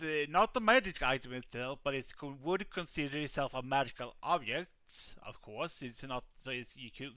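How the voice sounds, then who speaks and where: A man's voice: medium pitch, sharp tone, clean tone, dry recording. A man running a tabletop game as game master, narrating hesitantly with many fillers.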